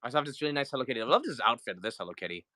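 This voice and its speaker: A man's voice: medium pitch, lively intonation, very fast, sharp tone, no room sound. A man hosting a casual live toy sale, chatty and sick with the flu, greeting viewers and counting down offers. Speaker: livestream toy seller. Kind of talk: casual live-selling chat.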